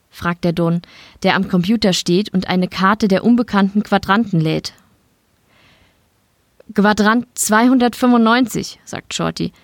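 A woman narrating a short story in an audiobook style, steady and matter-of-fact. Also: lowish voice, no room sound, studio quality. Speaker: reader.

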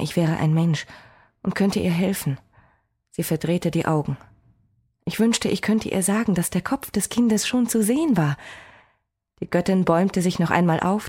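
A woman narrating a first-person fantasy audiobook, expressive with dry, wry asides. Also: lowish voice.

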